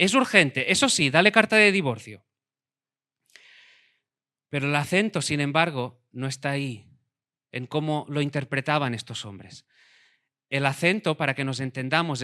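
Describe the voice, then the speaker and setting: A man preaching a sermon as pastor, emphatic, dropping to a quiet tone for weight. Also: a little high.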